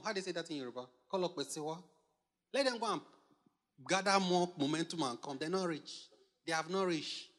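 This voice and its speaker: A man's voice: sits high, fairly bright tone. A man preaching a sermon, emphatic, repeating phrases and putting questions to the congregation. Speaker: pastor. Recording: long hall reverb.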